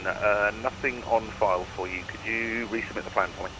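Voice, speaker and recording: A man's voice: on the low side, steady tone, moderate pace. A man working as an air traffic controller, giving procedural instructions over the radio. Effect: radio transmission. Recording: radio transmission with faint noise.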